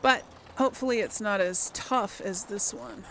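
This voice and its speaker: A let's play host chats casually as she plays, talking to herself and to the game's characters. Her mid-range voice is a bit bright with some vocal fry, at a moderate pace. Video game music runs under her voice, with slight background noise.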